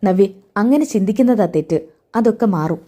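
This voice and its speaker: A woman reading the part of a calm, caring young man who soothes a pregnant relative. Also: medium pitch, a little fast, lightly acted. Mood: reassuring. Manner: soothing, reassuring, turns flustered when hiding things.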